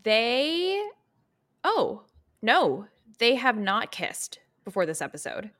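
A woman hosting a podcast, chatting casually and laughing often, sometimes mimicking characters in a high breathy voice. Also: sing-song, slow, fairly bright tone. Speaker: podcast host. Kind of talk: casual chat.

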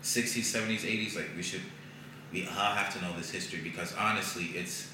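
Man, podcast guest, deep voice, animated, profane, casual chat, very echoey room, background noise. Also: a little fast. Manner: animated, blunt and profane, lots of "like" and "you know". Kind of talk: casual conversation.

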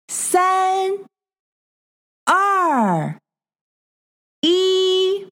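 A woman teaching young children Mandarin in an encouraging, playful kindergarten-teacher voice, repeating phrases slowly and enthusiastically to the viewer. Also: medium pitch. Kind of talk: children's language lesson, addressing the viewer.

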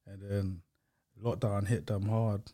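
A man's voice: lowish voice, little pitch movement, slow pace, mellow. London roadman guy chatting casually. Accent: London roadman, urban slang. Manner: slangy, hesitant, often trailing off. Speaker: podcast guest. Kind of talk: casual chat.

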